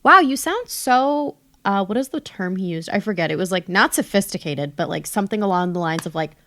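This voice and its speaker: A young woman co-hosting a podcast, an animated storyteller who swears freely in casual chat. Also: on the low side, fast talker, dry recording, studio quality. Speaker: podcast co-host.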